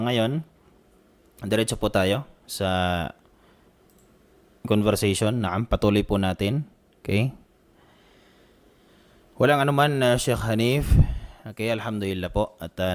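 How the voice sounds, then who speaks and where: A man teaching an online Arabic grammar lesson. He is patient, repeats his points often, keeps checking in with students, and slows down to say each Arabic phrase clearly. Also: lowish voice.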